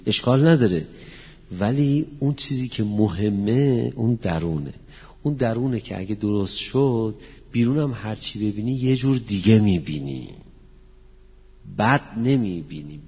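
This religious lecture is delivered by a man with a husky voice on the low side, speaking to an audience in a hall. The recording sounds dull and echoey; he cites Arabic scripture and Persian verse, explains them simply, and leads a prayer.

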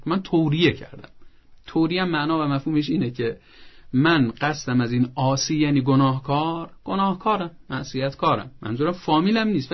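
A man's voice: fairly high pitch, muffled recording. A man giving parenting advice on a talk show. He lays out his points one by one in a teaching manner. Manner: acts out parents' lines in a soft coaxing voice. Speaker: parenting expert guest.

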